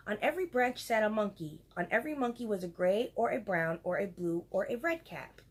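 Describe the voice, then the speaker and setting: A woman's voice: medium pitch, expressive, brisk, slightly rough. A woman reading a picture book aloud to children and adding chatty asides to her listeners. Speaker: storyteller for children.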